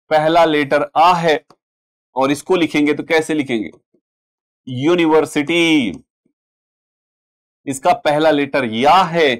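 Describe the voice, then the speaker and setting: Male teacher, slightly high voice, patient, repeats each word for the class. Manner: explains patiently, repeats words, calls students "friends" and "dear children". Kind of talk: exam-prep English lesson.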